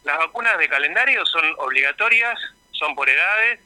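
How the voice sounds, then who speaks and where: A man's voice: a little high, lively intonation, moderate pace, bright, forceful tone, no echo, rough recording. A man with an Argentine Spanish accent, a health official explaining things in a radio interview. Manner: explanatory, informative.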